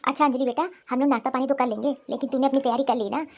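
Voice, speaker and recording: A woman voicing a caring father of the bride in an animated cartoon, fussing over his daughter affectionately. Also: sits high, racing.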